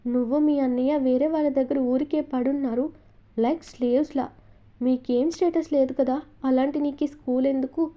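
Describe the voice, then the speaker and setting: A woman's voice: high-pitched, fairly even intonation, moderate pace, mellow, close to an everyday voice. A woman voicing a tearful, innocent young schoolgirl in a storybook reading, with a pleading tone. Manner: sobbing, pleading tone.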